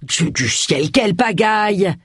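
A man's voice: on the high side, wildly swooping pitch, normal speed, breathy edge, dry recording, clean studio sound, exaggerated voice. A woman reading aloud voices a stern, indignant male village pastor who talks in haughty exclamations.

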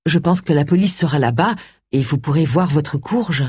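A narrator voicing a brisk, headstrong middle-aged woman detective. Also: mid-range voice, lively intonation, darkish tone, slightly rough, no echo, clean studio sound. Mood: firm.

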